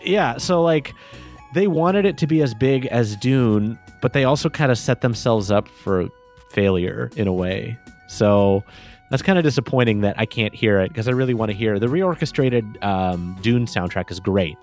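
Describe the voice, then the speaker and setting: A man's voice: mid-range voice, moderate pace, darkish tone, soft background music. Chatty man co-hosting a podcast. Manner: chatty, laughs often, trails off into asides. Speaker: podcast co-host. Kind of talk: casual chat about game music.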